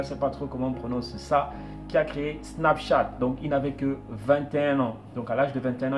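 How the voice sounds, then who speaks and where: French-speaking man giving business advice over guitar. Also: medium pitch. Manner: explanatory, repeats points with "donc". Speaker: business coach. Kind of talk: motivational talk to camera.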